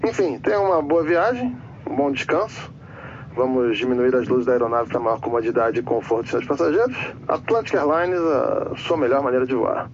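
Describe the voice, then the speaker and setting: A man's voice: medium pitch, fairly quick, lo-fi sound, a little hiss or hum. An actor playing a male airline captain who talks over the cabin intercom in a formal announcer tone, drifting into endless trivia. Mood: formal, rambling. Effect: pilot speaking over the cabin intercom. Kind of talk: comedy sketch.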